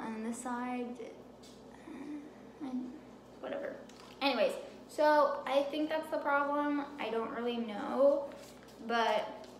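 A young woman in her twenties talking casually at her kitchen table in a haul vlog, rambling and poking fun at herself. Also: on the high side. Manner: chatty, rambling, self-deprecating. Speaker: vlogger. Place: home kitchen table, indoors. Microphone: camera on table. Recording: roomy kitchen with background noise.

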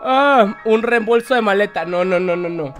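A Mexican man streaming live, ranting loudly and swearing in exaggerated complaint. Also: high-pitched.

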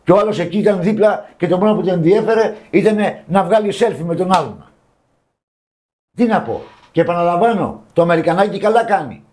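A man co-hosting a showbiz gossip show, talking casually and mocking the celebrities he discusses with scorn. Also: high voice. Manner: scornful, mocking, animated opinions.

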